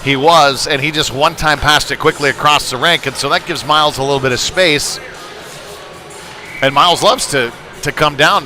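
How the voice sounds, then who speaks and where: Against noisy rink ambience, a man calls live play-by-play of a youth hockey game in a slightly high, pushed, bright voice. His style is folksy and conversational, mixed with analytical asides.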